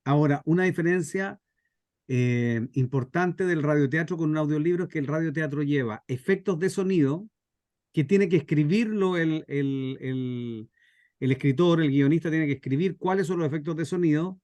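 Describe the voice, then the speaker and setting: A scriptwriter with a Chilean accent leads a radio drama workshop, explaining things informally as the teacher. His voice is on the high side and a little mellow, at a normal pace, in a dry recording.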